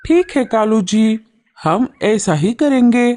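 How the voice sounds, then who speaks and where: A woman voicing a caring, protective mother bird in a cartoon, speaking softly and soothingly. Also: a little high, expressive, slow pace, pitched above the performer's own voice. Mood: worried.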